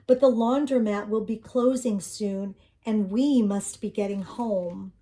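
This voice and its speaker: An older woman voicing a practical, caring storybook mother with a reassuring, gently firm manner. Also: medium pitch, steady tone, unhurried, lightly acted. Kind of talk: children's storybook read-aloud.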